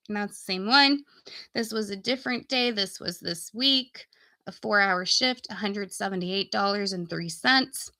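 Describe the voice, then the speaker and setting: Talking straight to her live stream audience, a woman chats casually and pitches sales like an informal, folksy coach. She has a bright, forward, mid-pitched voice that's starting to go as she gets sick. The sound is dry, with no room sound at all.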